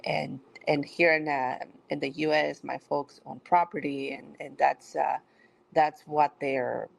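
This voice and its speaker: A middle-aged woman from Mexico, a city manager, answering interview questions in a measured, explanatory way. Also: deep voice, steady tone, creaky, rough recording. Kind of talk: podcast interview.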